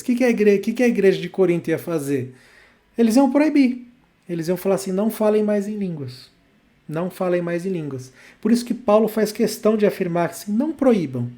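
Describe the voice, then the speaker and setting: A man's voice: high voice, warm tone. A man teaching a church Bible lesson in an emphatic way, repeating his key points to drive them home.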